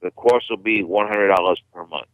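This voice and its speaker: A man's voice: on the low side, brisk, no echo. A man calling in over a distorted, fuzzy phone line, talking earnestly and restarting his words often. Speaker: caller. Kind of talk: casual radio talk.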